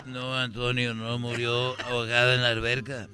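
A man telling a comic story about his family in a slow, deadpan way. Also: medium pitch, heavy background noise. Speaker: comedian telling an anecdote. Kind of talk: comedy sketch storytelling.

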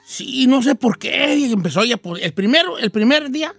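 A man's voice: extremely high pitch, lively intonation, normal speed, creaky, fairly bright tone, soft background music. A man with a Mexican accent hosting a morning radio show, telling a folksy joke story full of slang and asides to the listeners.

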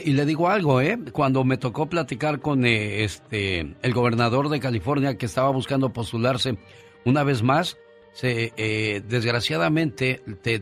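Male radio host, conversational commentary, mid pitch, animated intonation, faint music behind. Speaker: radio talk show host.

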